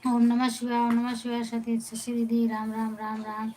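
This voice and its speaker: Reading viewer comments aloud on a casual live stream, a folk singer from Pratapgarh, Uttar Pradesh, India, patiently greets people by name and responds to them. Her fairly high, mellow voice is completely flat and moves at a normal pace. Slight background noise comes through on the poor-quality audio.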